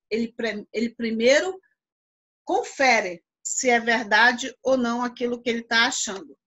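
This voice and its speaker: A Brazilian Portuguese woman with a high, fairly bright voice teaches philosophy in a live online class over video call. She explains patiently and checks often that students understand.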